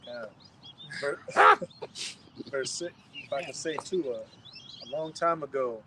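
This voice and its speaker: A man reading scripture verses slowly outdoors and telling a casual story in between. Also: a little high, background noise. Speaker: scripture reader at a street camp. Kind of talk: street preaching.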